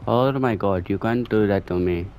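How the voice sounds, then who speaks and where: A man's voice: on the low side, moderate pace, dull audio. A man playing a video game, chatting casually with jokey, profane, exclamatory banter. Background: game gunfire.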